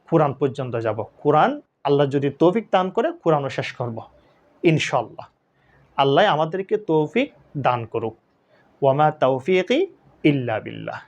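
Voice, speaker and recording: A man teaching Quran letter reading, slowly spelling out letters and syllables, drawing some sounds out for learners to repeat. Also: fairly high pitch, darkish tone. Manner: slow drawn-out letter recitation. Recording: dull lo-fi sound.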